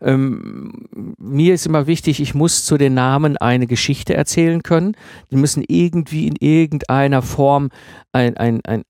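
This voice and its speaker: A man's voice: medium pitch, moderate pace, creaky, a little mellow, no room sound, clean studio sound. A man hosting a podcast, giving casual spoken advice to listeners, thinking aloud with many fillers and restarts. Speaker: podcast host answering listener questions.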